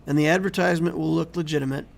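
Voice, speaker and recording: A man hosting a casual game livestream, reading and answering viewer chat in a rambling, conversational way while he keeps losing his voice and clearing his throat. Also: a little high, fairly even intonation, very fast. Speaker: YouTube game channel host.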